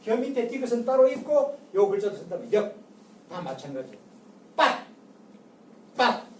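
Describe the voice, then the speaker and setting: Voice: medium pitch, very animated, brisk, warm tone, recorded from a distance, slight background noise. Older lecturer in an echoey room. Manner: drills the audience with call-and-response and repeated rhetorical questions. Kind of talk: public lecture.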